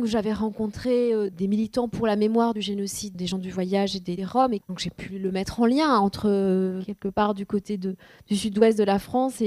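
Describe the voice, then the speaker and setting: Earnest, halting woman with a mellow voice. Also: mid-range voice, no echo. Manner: halting, searching for words, earnest. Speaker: author and witness speaking at a public talk. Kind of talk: public talk, answering.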